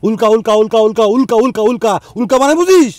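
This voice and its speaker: A man's voice: very high-pitched, expressive, very fast, a little mellow, dry recording, pitched above the performer's own voice. A man playing a boastful young village man who blusters and repeats his words.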